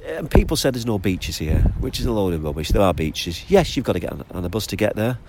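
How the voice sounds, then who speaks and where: A deep-voiced man from Lancashire in northern England chats casually as an interview guest, an expatriate football fan living on an island. He talks fast with big pitch swings, recorded outdoors by the sea amid clear traffic and ambient noise.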